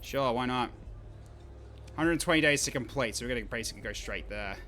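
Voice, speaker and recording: A man streaming a game, chatting and thinking aloud in casual commentary, quick to laugh. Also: medium pitch, bright, forceful tone, a little hiss or hum.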